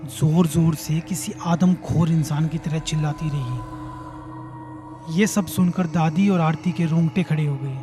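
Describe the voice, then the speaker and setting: A man's voice: on the high side, fairly even intonation, a little slow, music in the background. A man narrating a horror story in a dramatic, suspenseful way.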